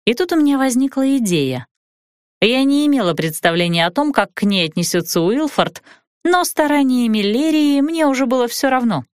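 Woman, first-person audiobook narration, wry, expressive, lively intonation. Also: high voice, normal speed, no echo, studio quality.

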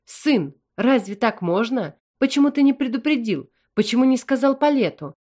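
A woman's voice: on the high side, expressive, pitched above the performer's own voice. Woman voicing a stern noble alien mother. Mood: angry. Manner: sharp, demanding rapid questions. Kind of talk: audiobook character voice.

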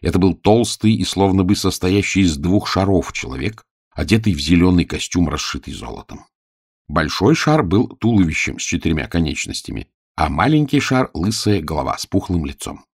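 Deep, gravelly male storyteller. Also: expressive, normal speed, a little mellow, no room sound, clean studio sound. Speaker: narrator. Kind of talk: audiobook narration of a fairy tale.

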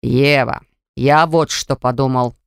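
A narrator voicing a pompous, boastful older rich man who talks down to people, in a slow, lowered, gravelly voice. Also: steady tone, no echo, clean studio sound. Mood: patronizing. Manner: boastful, patronizing. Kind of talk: audiobook character voice.

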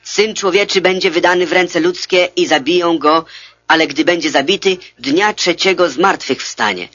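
A man reading the words of Jesus as a calm adult teacher in a measured, solemn scripture reading, on a dull lo-fi recording. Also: a little high.

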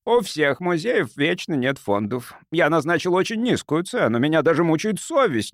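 A man voicing a genial, crafty doctor who bargains in a soft, sugary, unhurried voice for an audiobook. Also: on the high side, no room sound, clean studio sound, voice pushed up.

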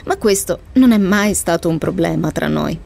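Female letter reader, slightly low voice, measured confessional scripted delivery, light noise underneath. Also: expressive, creaky, darkish tone. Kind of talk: scripted first-person letter reading. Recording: faint background noise.

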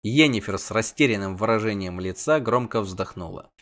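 A man reading a fantasy novel aloud as audiobook narrator, in a steady storytelling manner. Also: fairly low pitch, a little fast. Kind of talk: scripted narration.

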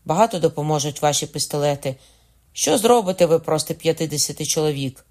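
A man's voice: a little high, animated, fairly quick, darkish tone. A man voicing a devoted young nobleman in an audiobook reading, urgent and pressing.

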